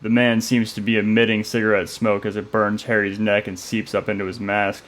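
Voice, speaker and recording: A man narrating a story in a steady, measured delivery. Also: fairly low pitch.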